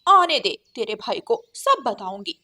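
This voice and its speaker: A woman voicing a harsh, scolding female crow sister-in-law in a cartoon, shrill and sneering. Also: big pitch swings, a little slow, pushed and bright, full character voice.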